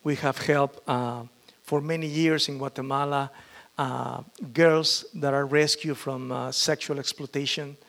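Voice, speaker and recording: Pastor, halting delivery. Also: male voice, medium pitch, steady tone, vocal fry, a bit bright. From Peru. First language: Spanish. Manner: halting, with frequent fillers and restarts. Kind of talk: testimony sermon.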